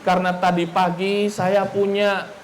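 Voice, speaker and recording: A man voicing a gentle, solemn male religious teacher who speaks slowly and repeats himself as he confides. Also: sits high, flat delivery, slight background noise, poor audio. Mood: sorrowful. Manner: slow, confiding, repeats his words.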